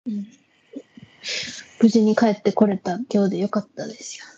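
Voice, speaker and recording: A woman's voice: mid-range voice, steady tone, moderate pace, dark tone, slight background noise. A young woman with a co-hosting a casual chat, listening closely and answering with short responses. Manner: attentive listener, frequent short backchannels. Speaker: podcast co-host. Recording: slightly dull lo-fi recording.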